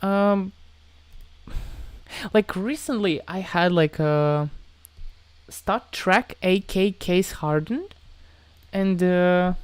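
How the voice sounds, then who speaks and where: A Moldovan man with a high, smooth voice, recorded dry, chats casually on a livestream while answering viewers' chat questions. He sounds hesitant, often repeating himself and letting sentences trail off.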